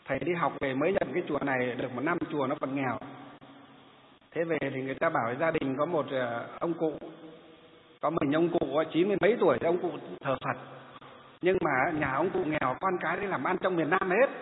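A male Buddhist monk, telling a story in a sermon in an animated way and repeating his phrases. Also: fairly high pitch, brisk, slight background noise. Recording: tinny phone-like sound in an echoey hall.

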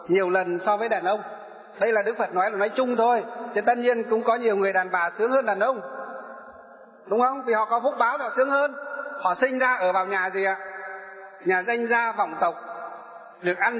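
A Buddhist monk gives a dharma talk to elderly followers, asking them questions and answering them himself. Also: male voice, sits high. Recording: echoey hall, dull sound.

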